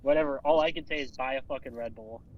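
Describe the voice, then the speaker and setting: A man with a mid-range voice runs a relaxed podcast chat, rambling and swearing casually. The sound is slightly dull and lo-fi. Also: mid-range voice, fast talker, crowd noise. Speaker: podcast co-host.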